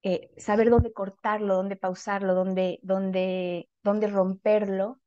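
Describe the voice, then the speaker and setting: A woman's voice: medium pitch, flat delivery, slow, dark tone, dull audio. A woman writer in a casual interview, speaking thoughtfully and animatedly with many fillers and self-corrections.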